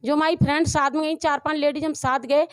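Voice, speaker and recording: Her voice high and steady in tone, a fast-talking middle-aged mother recounts her daughter's dowry abuse to a reporter in a street interview. She rambles emotionally and keeps restarting her sentences, recorded cleanly in studio quality without echo.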